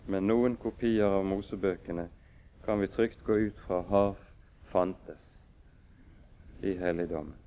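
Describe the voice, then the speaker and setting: A man preaching a sermon and reading scripture aloud in a measured, solemn way with pauses. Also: deep voice, warm tone. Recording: dull lo-fi recording.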